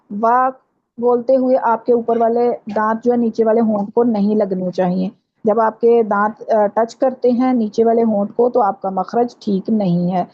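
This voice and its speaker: A woman teaching Quran recitation in an online class, explaining patiently and repeating sounds slowly to demonstrate. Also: fairly high pitch, no room sound. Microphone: video call. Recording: dull lo-fi call audio.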